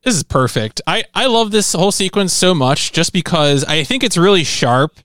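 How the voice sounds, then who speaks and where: A man's voice: sits high, animated, moderate pace, fairly bright tone, no echo, clean studio sound. A man co-hosting a podcast with casual, analytical commentary. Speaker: podcast co-host.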